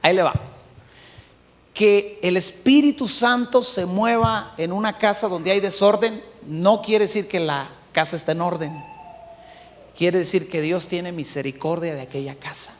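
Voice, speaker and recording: High-voiced Mexican pastor in an echoing church. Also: male voice, measured pace, a little hiss or hum. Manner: swings between shouting and hushed, acts out voices. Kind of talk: sermon. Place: church hall.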